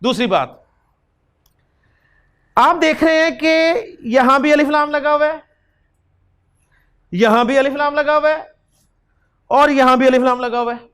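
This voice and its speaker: Male Arabic teacher with a very high voice who lectures patiently and drills students with questions. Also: a bit bright. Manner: slow, repeats examples, drills students with questions. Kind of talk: classroom lecture.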